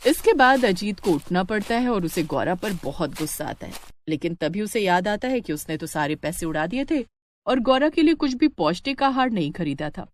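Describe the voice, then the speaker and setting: A woman narrating a moral story in an expressive, dramatic way. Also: medium pitch, moderate pace, slight background noise.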